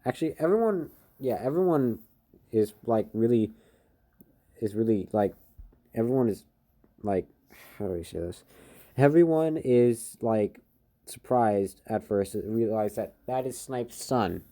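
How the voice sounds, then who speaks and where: A man's voice: mid-range voice, animated, unhurried, long pauses, mellow. A man improvising a fan story, rambling with many fillers and restarts.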